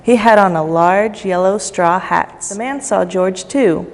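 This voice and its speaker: In an unhurried, mid-range voice, a volunteer storybook reader gives an expressive storytime reading of a children's story, with playful asides aimed at young listeners. The recording has long echoey reverb, and faint music plays behind her.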